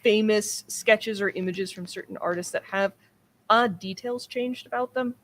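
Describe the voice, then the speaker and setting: A woman runs a tabletop game, narrating the scene at a measured pace and filling gaps with soft ums. Her voice sits in the middle range, with faint room hiss behind it. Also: medium pitch. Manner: descriptive, unhurried with frequent ums. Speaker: game master.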